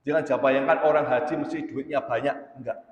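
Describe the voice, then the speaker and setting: Javanese-accented preacher in echoey hall. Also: male voice, mid-range voice, fairly even intonation, quick pace. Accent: East Javanese. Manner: storytelling, switches between Indonesian and Javanese, addresses audience often. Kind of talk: sermon.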